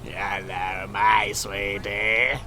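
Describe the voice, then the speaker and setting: Man putting on a slow, creepy possessed voice. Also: lowish voice, little pitch movement, bright, forceful tone, voice pushed down, exaggerated voice. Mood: creepy, sweet. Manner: possessed, drawn-out creepy greeting. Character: crazy possessed person, syrupy and menacing.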